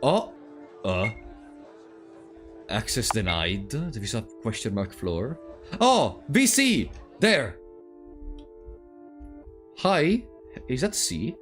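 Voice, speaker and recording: A man's voice: lowish voice, sing-song, slow, pauses often, a bit bright, soft background music. A man playing a video game with casual running commentary, exclaiming, swearing and talking back to the characters. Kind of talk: casual let's play commentary.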